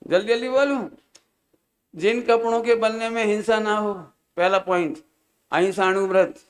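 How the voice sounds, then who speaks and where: Man, high voice, preaching sermon, lively storyteller, acts out voices, slow chanted verses. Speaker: Jain preacher. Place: large hall, camp gathering.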